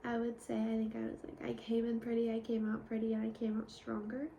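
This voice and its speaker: Young woman, casual confessional vlog, rambling and candid, slightly high creaky voice, faint hiss behind. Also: monotone, fairly quick, dull audio. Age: young adult. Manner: rambling, candid, swings to soft whispers. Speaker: vlogger.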